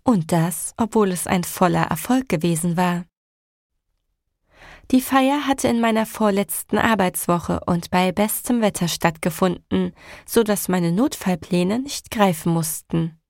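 A woman narrating a first-person audiobook in an even storytelling manner. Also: lowish voice, a little slow, no room sound, clean studio sound.

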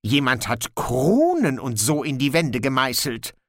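A man's voice: mid-range voice, big pitch swings, a little slow, no echo, studio quality, pitched above the performer's own voice. A man voicing a wary male dwarf guard in an audiobook, who hesitates often. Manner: hesitant, with "äh" fillers.

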